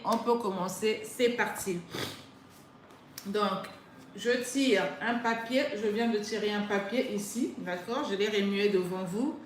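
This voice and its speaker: A woman with a slightly high, fairly bright voice hosts a live prize draw alone indoors, chatting straight to her viewers and often repeating herself. She's a little congested from a cold and clears her throat now and then. The room is echoey, with slight background noise.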